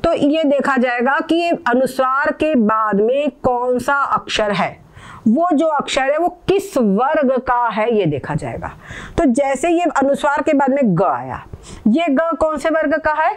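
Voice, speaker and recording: In a high-pitched, expressive voice, a woman teaches Sanskrit pronunciation. She explains patiently, repeats words slowly, and checks that her learners are following.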